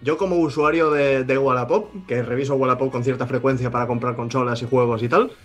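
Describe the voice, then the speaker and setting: A man's voice: medium pitch, steady tone, brisk, soft background music. A man co-hosting a podcast, talking with profane, mock-indignant outrage in casual chat. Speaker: podcast co-host.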